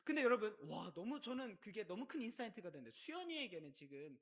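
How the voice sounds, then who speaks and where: A man's voice: high voice, fast. A man preaching a Sunday sermon, telling stories and asking the congregation questions. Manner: lively storytelling, asks questions of the congregation. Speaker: pastor. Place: church service.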